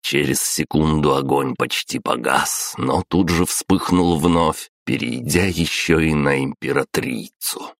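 A male narrator with a very deep, low voice reads a fantasy novel in a steady, dramatic way. The recording is dry and close, with no room sound. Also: unhurried, vocal fry, hardly any pauses, no echo. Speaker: audiobook narrator.

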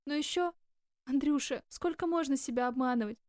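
A woman's voice: sits high, a little fast, darkish tone, dry recording, studio quality, lightly acted. A woman voicing a tearful, anxious young woman who pleads in an audiobook. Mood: pleading.

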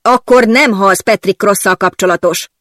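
An audiobook narrator voicing an angry, impatient male newspaper boss who barks commands and yells. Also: medium pitch, no room sound, clean studio sound, lightly acted. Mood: yelling.

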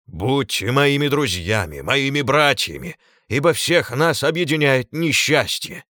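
A man's voice: medium pitch, expressive, measured pace, bright, forceful tone, no echo, studio quality, voice pushed up. A man reading an audiobook and voicing a feverish, self-pitying, tyrannical fat lord who raves between grief and fury. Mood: ranting grief. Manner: raving, swinging from pleading to screaming.

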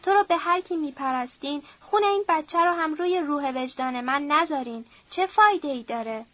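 A woman's voice: sits high, no room sound, highs cut off, close to an everyday voice. Woman doing a tearful pleading young widow.

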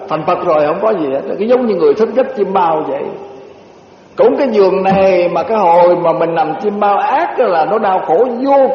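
An older man, a Buddhist monk, giving a slow dharma talk, telling stories and reciting verses. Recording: echoey hall, dull low-fi recording with faint hiss.

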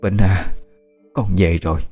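A man doing a frail, tearful old mother in a spoken story, her voice lifted a little above a deep natural register. She calls out with a trembling, pleading manner. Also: fairly even intonation, measured pace, dark tone, soft background music.

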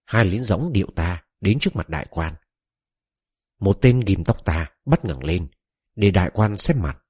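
Deep, husky male storyteller. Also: unhurried, dry recording, clean studio sound. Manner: expressive storytelling, voicing quoted characters. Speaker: audiobook narrator. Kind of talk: scripted first-person novel narration.

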